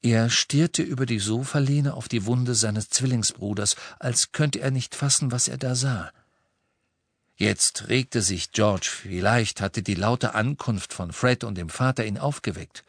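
A man narrating an audiobook in a calm, measured way. His mid-pitched voice is recorded close and dry. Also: no room sound. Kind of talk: scripted narration.

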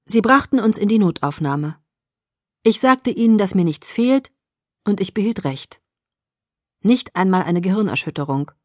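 Woman reading an audiobook in first person, expressive, dry no-room sound. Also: mid-range voice, normal speed, long pauses, dry recording. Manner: expressive, with varied character voices. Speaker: audiobook narrator.

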